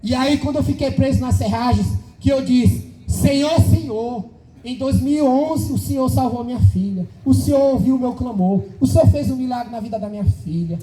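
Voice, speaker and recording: A man's voice: very high-pitched, a little fast, hardly any pauses, warm tone, faint music behind, poor audio. A man preaching an emotional testimony at a church service, with a fervent, repetitive way of telling it.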